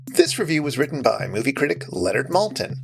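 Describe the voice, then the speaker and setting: A male podcast co-host with a medium-pitched, gravelly, sing-song voice speaks briskly, offering informal, wry commentary and trivia about a film. Music plays in the background.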